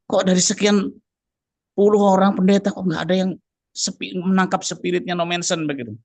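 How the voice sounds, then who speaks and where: A man's voice: high voice, steady tone, a little fast, vocal fry, a little mellow, no room sound. Earnest man telling a rambling story. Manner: earnest, rambling, repeats words with filler tags like "gitu loh, Pak". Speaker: participant sharing a personal story. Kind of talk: casual heartfelt testimony in a group call.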